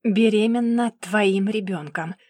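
A woman voicing a cold, relentless male investigator who presses his case with a calm, lazy drawl, in a Russian audiobook. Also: medium pitch, takes it slowly, no echo, clean studio sound. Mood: cold, pressing.

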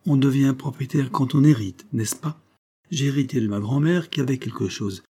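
A man reading aloud, voicing a girl of nearly twelve who speaks calmly, seriously and with odd formality, in a dark, husky voice. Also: medium pitch, normal speed, voice pushed up. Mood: grave. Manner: calm, serious, oddly formal for a child.

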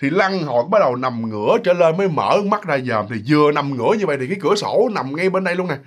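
A man's voice: a little high, fast talker. A man telling a ghost story in a chatty way, speaking straight to his listeners and acting out the characters. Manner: chatty and animated, addresses listeners directly, acts out voices.

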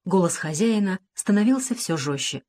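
A woman narrating an audiobook in a calm, measured way. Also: mid-range voice. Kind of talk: scripted narration.

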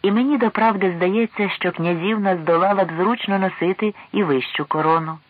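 A man's voice: on the high side, normal speed, no echo, dull audio, lightly acted. A man voicing a noble, gallant king in an audiobook, speaking in a courtly, exclaiming manner, raised above his narrating voice. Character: noble, warm-hearted young king, gallant.

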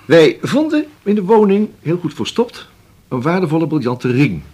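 An actor playing a shrewd police inspector who questions slowly and keeps humming to himself. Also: male voice, fairly high pitch, sing-song, a little mellow, breathy edge. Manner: slow, probing, drawn-out with many hums. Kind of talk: radio drama acting.

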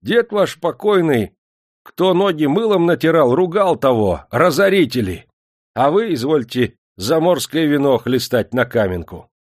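A man's voice: a little high, sing-song, measured pace, no room sound, clean studio sound, pitched above the performer's own voice. A man voicing a thrifty estate manager who scolds in a scandalized, reproachful tone in a storybook reading.

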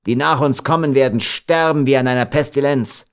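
A man reading an audiobook, voicing a young man in a furious, scornful rage, louder than his narration. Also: medium pitch, brisk, clean tone, pitched above the performer's own voice, natural voice. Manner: loud, scornful.

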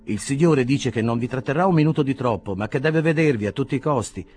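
A man's voice: medium pitch, fast talker, darkish tone, pitched above the performer's own voice, natural voice. A man voicing a polite raised-voice bootblack. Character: eager male bootblack servant, polite. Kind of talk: audiobook character voice.

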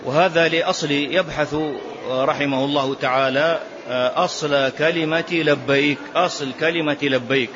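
A man's voice: fairly high pitch, steady tone, moderate pace, noisy background. A man teaching a religious lesson, explaining a text and repeating key phrases for emphasis, sometimes drawing them out in a chant. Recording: dull lo-fi lesson recording.

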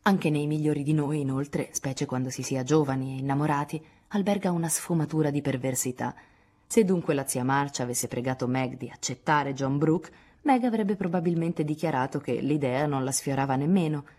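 A woman narrates a classic novel for an audiobook with a measured, expressive delivery. Her voice is low-pitched and carries a husky, breathy quality. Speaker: audiobook reader. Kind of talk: scripted literary narration.

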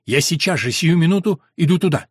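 A man reading the part of a passionate young man in an audiobook, his lines bursting out in anguish. The voice sits at a middling pitch and sounds dry and close. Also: normal speed, slightly rough, dry recording. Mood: alarmed.

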